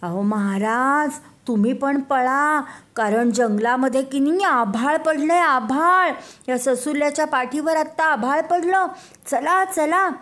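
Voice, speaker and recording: A woman voicing a small excitable baby chick in a children's story, squeaky and urgent. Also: measured pace. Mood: alarmed.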